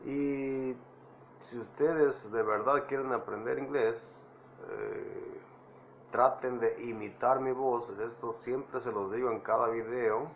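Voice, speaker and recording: A man's voice: medium pitch, fairly even intonation, slow, gravelly, muffled recording, a little hiss or hum. A man giving an online language lesson, repeating each phrase and often checking with "ok?". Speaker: English teacher.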